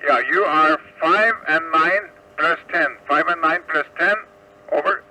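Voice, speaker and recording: A man heard through an old crank field telephone, a radio operator loudly reading back call signs and a signal report in clipped procedure. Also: fairly high pitch, unhurried, recorded from a distance, noisy background.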